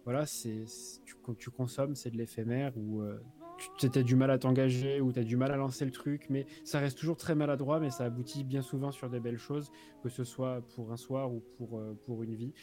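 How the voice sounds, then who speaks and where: A man's voice: mid-range voice, fairly even intonation, normal speed, dark tone. Rambling French man reviewing a comic. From France. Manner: rambling, many fillers and restarts. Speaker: book columnist on a live stream. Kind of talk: casual joking chat.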